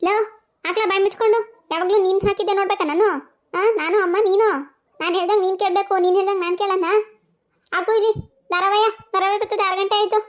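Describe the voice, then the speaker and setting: A bossy village mother in a cartoon scolds her family in rapid, shrill bursts, voiced by a woman. Her voice sits extremely high and races along. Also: fairly even intonation, natural voice. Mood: scolding. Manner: shrill, nagging, quick scolding.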